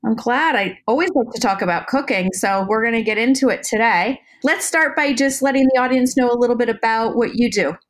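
A woman with a fairly high voice hosts a podcast. She talks with an upbeat, eager energy while she promotes her work and introduces her guests. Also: brisk, few pauses. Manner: upbeat, enthusiastic promotional delivery. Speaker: podcast host, interior designer. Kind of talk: podcast hosting.

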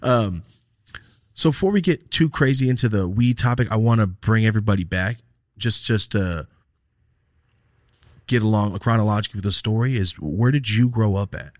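A man hosting a podcast interview in a casual, excitable way, swearing freely. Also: lowish voice, normal speed, long pauses, no room sound, clean studio sound. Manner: excitable, swears, laughs easily. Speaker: podcast host.

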